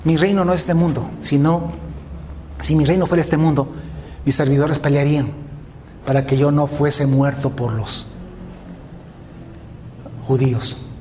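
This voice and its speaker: Male pastor, high voice, animated storytelling sermon, faint noise behind. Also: unhurried, long pauses. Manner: animated storytelling, acting out voices of biblical figures.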